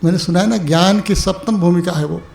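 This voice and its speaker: The voice belongs to a spiritual teacher, high and gravelly, giving an evening discourse that rings with hall echo. He calls people "my dear" and "my brother," moving from rising exhortations to soft, unhurried asides.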